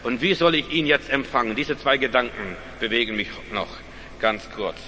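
Bright-voiced preacher in an echoing church. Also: male voice, lively intonation, normal speed, slight background noise. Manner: emphatic preaching, swinging between loud rising calls and quiet low asides. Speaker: pastor. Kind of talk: sermon.

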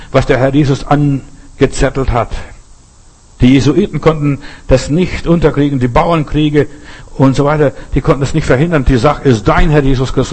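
An older man delivers a sermon in a husky, somewhat breathy voice, his pitch sitting in an ordinary middle register. He speaks straight to the listener and hammers his points home through repetition. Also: darkish tone, low-quality recording. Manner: addresses listener directly with repeated "weißt du"; emphatic rhetorical repetition. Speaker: preacher.

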